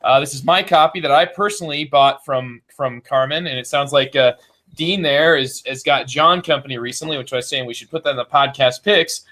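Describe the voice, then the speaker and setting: A man hosting a podcast, chatting casually and enthusiastically, pitching a discount like an infomercial. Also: fairly quick, bright, forceful tone. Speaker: podcast host.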